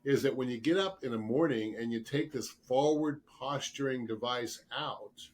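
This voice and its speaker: Still recovering from a cold, the man coughs and clears his throat while explaining things earnestly as a guest expert in an interview. He is a dentist focused on dental sleep medicine, and his slightly rough, mid-pitched voice moves at a moderate pace, repeating words for emphasis.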